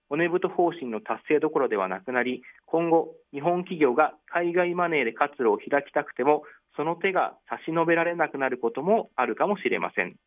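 A man who is a guest economics reporter, explaining a news issue in a measured, explanatory way. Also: fairly high pitch. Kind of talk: news commentary. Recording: narrow phone-like line.

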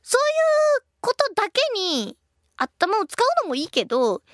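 A young woman in her twenties hosting a radio show, reading listener letters and answering them in a chatty, playful way, her voice a little husky. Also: extremely high pitch, normal speed, no echo, clean studio sound. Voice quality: a bit husky, by her own account. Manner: lively, chatty and playful, laughs at her own slips.

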